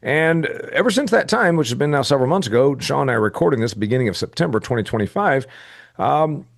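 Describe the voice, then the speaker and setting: A man from the United States hosts a farm business podcast in an emphatic, opinionated style. His voice sits at an ordinary middle pitch, and he pushes his points in quick bursts. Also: lively intonation, vocal fry. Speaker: podcast host. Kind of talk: energetic podcast monologue and interview.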